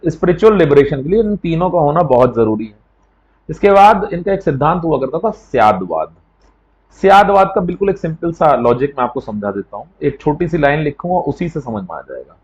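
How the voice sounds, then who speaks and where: A man's voice: on the high side, highs cut off. A man teaching an exam coaching lecture in a conversational way, often checking with "right?" as he explains.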